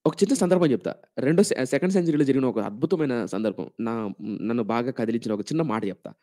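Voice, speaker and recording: A man's voice: medium pitch, quick pace. A man preaching a storytelling sermon, acting out the voices of the people in his story and putting questions to the congregation. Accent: Telugu, Rayalaseema. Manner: animated, acts out quoted voices, asks the congregation questions.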